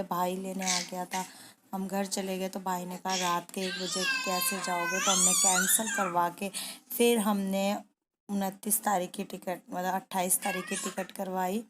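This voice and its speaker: A young woman narrating her own vlog in a soft, quiet, subdued voice, grieving and tearful at times. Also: lowish voice, a little hiss or hum. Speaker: vlogger. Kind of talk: personal vlog voice-over.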